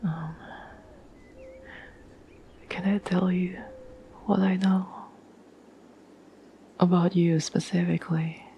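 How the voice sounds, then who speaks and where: In an intimate ASMR roleplay, a woman plays a caring girlfriend comforting her troubled partner. She murmurs in a breathy whisper, slightly low and very steady in pitch, taking her time with thoughtful pauses, tender and earnest, over faint background noise.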